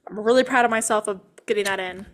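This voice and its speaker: A woman's voice: medium pitch, fast. A young woman co-hosting a podcast, chatting casually with teasing asides. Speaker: podcast co-host. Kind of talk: casual chat.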